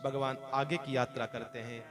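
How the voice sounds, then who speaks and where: A male preacher telling a devotional story to a gathering, acting out the characters' wailing in an animated voice. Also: mid-range voice, moderate pace, over music. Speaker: katha preacher. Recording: live crowd audible behind.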